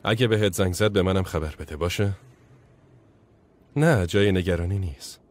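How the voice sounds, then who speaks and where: A man playing a calm, deep-voiced man. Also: a little hiss or hum, lightly acted. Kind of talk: Persian dubbing of a TV drama.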